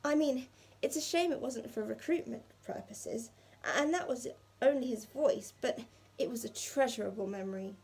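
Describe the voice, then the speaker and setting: A woman's voice: on the high side, moderate pace, darkish tone, slightly rough. A woman voicing a smug, sneering schoolboy in her own story, taunting and superior.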